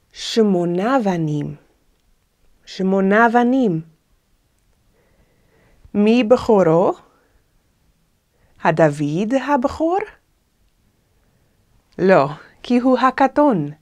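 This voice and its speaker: A woman's voice: mid-range voice, a little mellow. A woman teaching a language lesson, asking simple questions and patiently repeating the answers. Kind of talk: slow repetitive language lesson.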